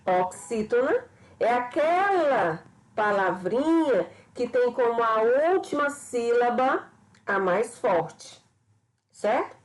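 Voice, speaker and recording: A woman teacher explains a grammar lesson step by step in a slightly high voice. She often repeats herself and pauses to check that the class is following. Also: expressive, rough recording. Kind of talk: recorded grammar lesson for students.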